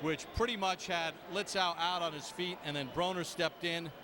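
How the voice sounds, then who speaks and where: High-pitched male boxing play-by-play commentator. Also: steady tone, normal speed, crowd noise. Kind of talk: live sports commentary. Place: ringside at a boxing arena. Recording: noisy arena ambience.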